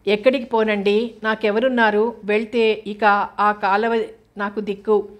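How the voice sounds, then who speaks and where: Lady doing a scared grieving young woman in an audio novel, soft tearful pleading, flat mid voice. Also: mid-range voice, normal speed, lightly acted. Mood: hurt.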